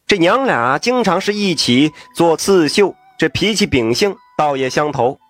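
A man telling a story in a traditional storytelling style, lively with folksy asides and exclamations. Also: on the high side, measured pace, no echo, soft background music.

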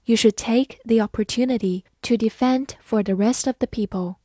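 A woman reading out a scripted English vocabulary lesson, repeating each word slowly and then giving its part of speech and meanings. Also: fairly high pitch, warm tone, no room sound, clean studio sound. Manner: slow, deliberate word-by-word drilling.

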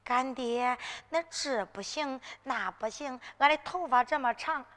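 Woman doing feisty village girl, high bright voice, slow, hall reverb, faint music. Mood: pleading. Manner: quick-tempered, plain-spoken dialect. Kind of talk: Henan zhuizi ballad storytelling.

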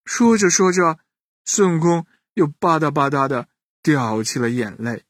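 A man narrating a children's bedtime story in an animated way, speaking straight to the children listening. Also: fairly high pitch, a little slow, dry recording, clean studio sound. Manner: animated, addressing children directly.

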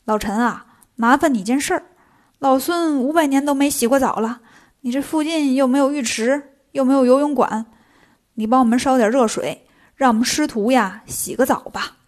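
A woman's voice: sits high, natural voice. A woman doing a cheeky, brash monkey king. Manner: brash, teasing, quick to anger. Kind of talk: storytelling for children.

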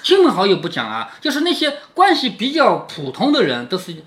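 A man's voice: high voice, huge pitch swings, fairly quick, fairly bright tone. A man reading a classic novel aloud and explaining each passage, often asking the listener whether they follow. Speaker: reader and commentator of a classic novel.

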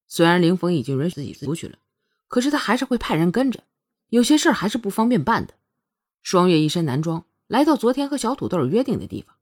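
A woman narrating a romance novel chapter in an expressive storytelling manner. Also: lowish voice, breathy edge. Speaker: audiobook narrator. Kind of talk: scripted narration.

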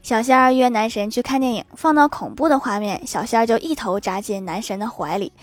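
A woman's voice: on the high side, fairly quick, no room sound, soft background music. A woman hosting a joke show, reading funny anecdotes aloud in a playful way and chuckling at the punchlines.

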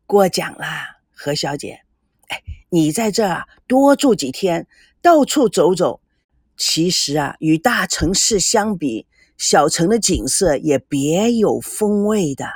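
Woman voicing a slow, low old scholar grandpa. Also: sing-song, darkish tone, slightly rough, dry recording, studio quality, full character voice. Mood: kindly. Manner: slow, measured, reflective.

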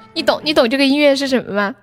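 High-voiced playful woman livestreamer over music. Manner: playful, chatty. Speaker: livestream host. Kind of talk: casual livestream chat with viewers. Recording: music playing behind the voice.

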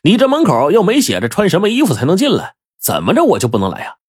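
A man's voice: high-pitched, huge pitch swings, fast, slightly rough, voice pushed up, full character voice. A man storyteller voicing a bold, sly older male beggar who talks back with cocky confidence. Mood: defiant. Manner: cocky, mocking.

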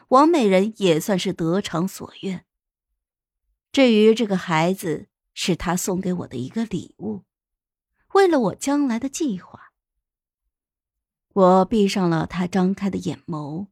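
A woman narrates a first-person palace tale in a soft, deliberately dramatic way. She takes her time over every line, unhurried. Her voice sits in the middle of the range, recorded close and dry. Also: mid-range voice, no room sound. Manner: slow, deliberate, softly dramatic. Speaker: storyteller.

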